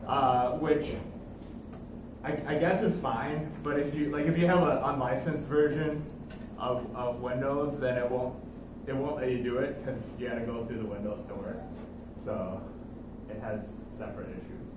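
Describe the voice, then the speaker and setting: A male course instructor talks casually about technical matters, repeating and rephrasing himself as he goes. His mid-range voice is steady and moderately paced. The lo-fi recording comes from a noisy, echoey room with him far from the mic.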